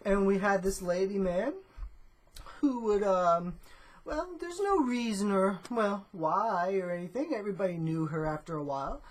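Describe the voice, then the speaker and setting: A woman hosting her own offbeat vlog, talking in a slow, rambling, stoner-dude drawl. Her voice is soft and breathy, with a slight husk at mid pitch. She drifts between "you know" and "uh," and nearly every phrase ends on a lazy "man.". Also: animated. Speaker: vlogger. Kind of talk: laid-back comedic vlog monologue.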